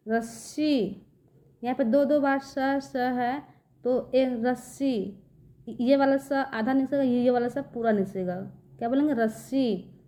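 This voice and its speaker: A woman's voice: sits high, mellow, roomy sound. A woman teaching a reading lesson to children, patiently repeating words and addressing them often.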